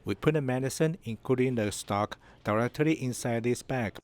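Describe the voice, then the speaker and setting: A man's voice: medium pitch, normal speed, noisy background. Man reading translation voice-over. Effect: English voice-over translating an interviewee.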